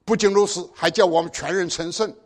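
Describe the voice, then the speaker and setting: High-voiced older preacher, exhorting. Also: male voice, steady tone, brisk. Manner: exhorting, with pointed rhetorical questions. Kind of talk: sermon.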